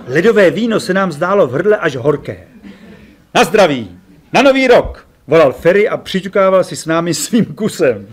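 A man reading his own adventure story aloud to a live audience, with lively dramatic emphasis. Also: a little high.

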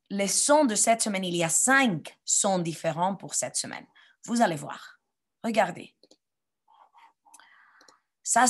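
A woman teaching a phonics lesson to children, saying sounds and words clearly and pausing for them to repeat. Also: mid-range voice.

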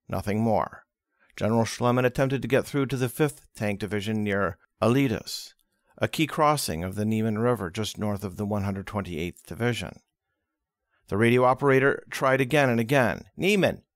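A man reading a history book aloud as an audiobook, expressive and dramatic, closely recorded. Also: fairly low pitch, no echo, studio quality. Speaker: audiobook reader.

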